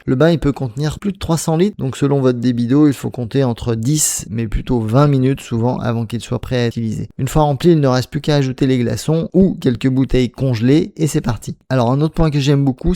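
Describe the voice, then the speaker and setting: A mellow-voiced man talks through a product review. He explains things plainly and informally, at a medium pitch, as if walking a viewer through it step by step.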